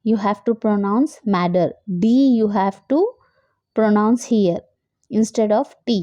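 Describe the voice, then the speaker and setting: A woman teaching English vocabulary to students, repeating each word slowly and then explaining it, switching between English and Hindi-Urdu. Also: mid-range voice, fairly even intonation, mellow, dry recording, lo-fi sound. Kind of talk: slow vocabulary lesson.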